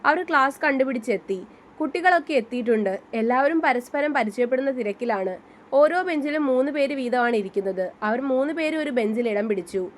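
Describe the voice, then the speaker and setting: A woman's voice: high voice, animated, brisk, a little hiss or hum. A woman narrating a written story and reading the characters' lines in her own voice. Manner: reads all the characters' dialogue in her own voice.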